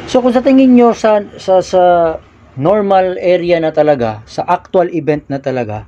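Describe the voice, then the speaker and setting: A man's voice: sits high, moderate pace, muffled recording, a little hiss or hum. A man demonstrating mixer settings in a casual how-to vlog, explaining step by step in a small room. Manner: explains step by step, shouting test calls into the mic. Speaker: audio equipment vlogger.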